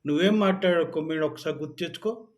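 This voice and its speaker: Man, fairly high voice, scolding political rant, heated and accusing. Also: rapid-fire. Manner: scolding, rising to shouted anger. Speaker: political commentator. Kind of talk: angry political rant to camera.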